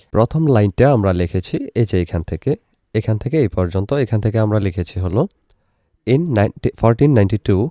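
A young Bangladeshi man teaching an English tutorial lesson, reading quoted English lines slowly word by word. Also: lowish voice, warm tone, dry recording, studio quality.

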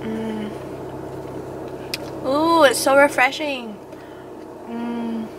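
A woman's voice: a little high, extremely slow. Young woman talking with mouth full. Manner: chatty, giggly, talks while eating. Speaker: food vlogger. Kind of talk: casual food review. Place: parked car. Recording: noisy car interior.

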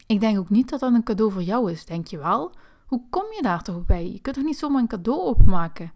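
A woman's voice: mid-range voice, lively intonation, brisk, a little mellow, lightly acted. A woman voicing a firm, scolding mother in a toy figure play video.

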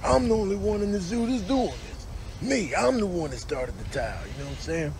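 Bragging male gorilla, man voicing, streetwise, lively pitch, noisy clip. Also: fairly quick. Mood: boastful. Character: boastful male zoo gorilla proud of his towel.

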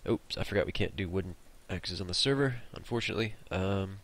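Speaking fast in a deep, slightly bright voice, a young gaming channel host leads a laid-back co-op playthrough. He rambles, cracks jokes, and swears a little.

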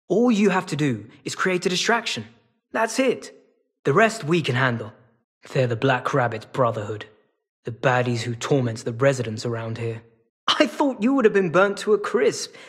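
Sly and amused, the feline rogue from the video game comes across in a slightly bright, exaggerated performance. His voice is fairly high for a man, with a husky rasp, and his wry, streetwise drawl is that of a tired hustler always cutting a deal.

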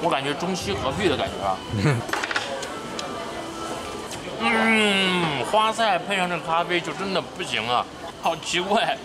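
A man's voice: a little high, very animated, unhurried, long pauses, loud music behind the voice. A young man hosting a food vlog in an indoor cafe, chatting casually and exclaiming at each dish on a handheld camera mic. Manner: upbeat, chatty, exclaims at the dishes. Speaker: food vlogger host. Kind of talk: casual chat while tasting food. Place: indoor themed cafe and shop.

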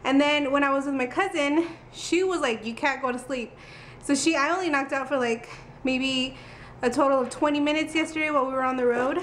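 A beauty vlogger in her twenties, her voice sitting high, chats casually to a handheld camera held at arm's length, giggling and saying "like" constantly. She films in her car, at home and in stores, with slight background noise.

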